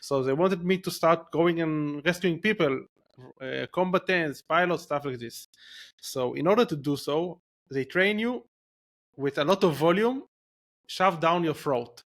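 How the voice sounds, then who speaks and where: Unhurried and fairly bright, a man's voice on the high side tells his story in a casual podcast interview. He's in his thirties with an Israeli accent, and his telling wanders, with many restarts and fillers.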